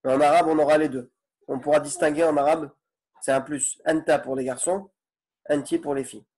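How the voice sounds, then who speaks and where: A man's voice: fairly high pitch, fairly even intonation, brisk, a little mellow. A man teaching an online Arabic grammar lesson in French, explaining patiently and checking in with his students often.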